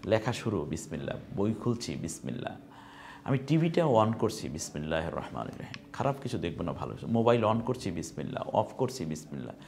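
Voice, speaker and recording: A man's voice: sits low, big pitch swings, fairly quick, creaky, darkish tone, slight background noise. A male Quran teacher giving an online lesson, drilling Arabic letters one by one and asking then answering his own questions.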